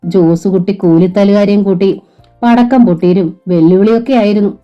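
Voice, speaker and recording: A woman's voice: medium pitch, fairly even intonation, brisk, muffled recording, faint music behind, lightly acted. A woman reading the part of a worried male friend explaining what happened. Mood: earnest. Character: worried male auto-driver friend recounting news.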